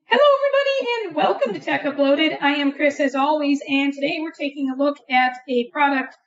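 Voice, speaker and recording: A man's voice: very high voice, a little fast, dull audio, pitched above the performer's own voice. A man speaking through a male-to-female voice-changer filter, giving a playful mock host intro. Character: young woman, high and bright. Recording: distant echoey filtered phone recording.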